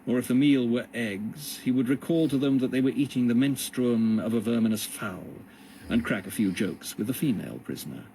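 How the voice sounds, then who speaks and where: A man narrating a storybook in a measured reading. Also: mid-range voice, vocal fry, dark tone, slight background noise. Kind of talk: audiobook narration.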